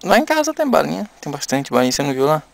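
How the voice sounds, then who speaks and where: A man talking with his young sons in a casual home video, gently coaxing and teasing them with questions. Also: a little high, wildly swooping pitch, rapid-fire, vocal fry.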